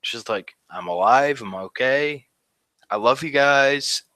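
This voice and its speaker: An Army veteran guest in his thirties recounts his war story casually, rambling with lots of "like" and laughing when things get grim. He speaks unhurriedly and expressively in a medium-pitched, sharp-toned voice. The recording is dry.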